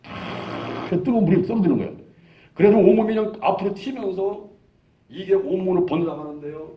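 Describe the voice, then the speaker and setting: A man's voice: sits high, quick pace, slight background noise. A man in his sixties, a pastor, telling a testimony in a sermon, acting out the lines of the people in his story. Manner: animated storytelling, acting out quoted dialogue. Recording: dull lo-fi sound.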